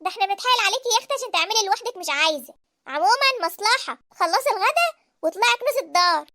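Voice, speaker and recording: A woman's voice: very high-pitched, animated, full character voice. A woman doing a nagging Egyptian village mother. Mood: scolding. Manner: scolding, quick and sharp. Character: middle-aged village mother, nagging and bossy. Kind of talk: cartoon voice acting.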